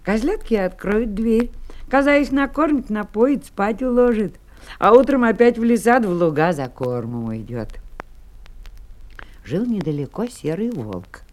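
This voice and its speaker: A woman reading a folk tale aloud as a storyteller, expressive and melodic. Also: mid-range voice, a little slow.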